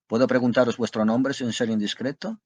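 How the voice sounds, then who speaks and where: A man's voice: mid-range voice, steady tone, fairly quick, a little mellow, no echo, natural voice. A man voicing a theatrical, grandiose male ex-actor who talks in florid, declamatory speeches. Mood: grandiloquent.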